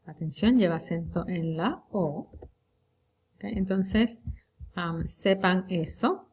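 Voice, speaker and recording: Slow, deliberate woman teaching Spanish. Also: fairly low pitch, darkish tone, slightly rough. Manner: slow and deliberate, drawing out example words. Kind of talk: recorded lecture review.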